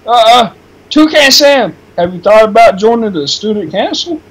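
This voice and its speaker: A man's voice: high-pitched, animated, normal speed, a bit bright, low-quality recording. A man co-playing a let's play, firing off crude, goofy running gags at his friend. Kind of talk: casual gaming banter.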